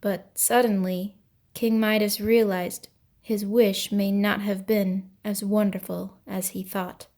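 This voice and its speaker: A woman's voice: mid-range voice, flat delivery, slow, darkish tone. A woman storyteller narrating an ancient myth from a script, with grave, dramatic delivery.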